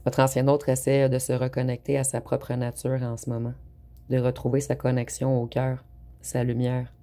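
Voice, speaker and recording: A tarot reader, giving an unhurried spoken reading with frequent hesitant pauses. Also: mid-range voice, monotone, dark tone.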